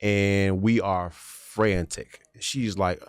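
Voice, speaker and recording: Guy telling a story on a podcast, lowish voice, acts out the bits, dry close sound. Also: drawn-out words, clear, resonant tone, no echo. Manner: animated storyteller, acts out quotes and sound effects. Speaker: podcast co-host. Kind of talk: casual storytelling chat.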